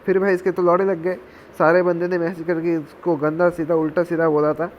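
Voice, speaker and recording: A man's voice: on the high side, level tone, a little fast. A young man telling a casual warning story in a vlog. He is chatty, drops in English phrases, and keeps calling his listeners "bhai". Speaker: gaming channel creator. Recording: slightly dull audio with faint background noise.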